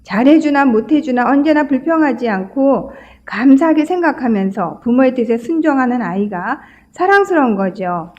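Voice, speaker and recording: A woman's voice: high-pitched, animated, normal speed, few pauses, darkish tone, dull audio, slight background noise. A woman pastor giving a sermon, telling stories conversationally with frequent filler sounds.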